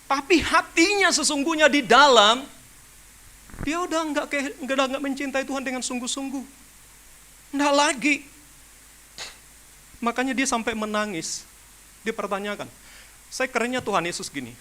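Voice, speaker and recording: A man preaching a church sermon as pastor, animated and colloquial, who keeps asking the congregation rhetorical questions and adds humorous asides. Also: very high voice, moderate pace, long pauses. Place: church service.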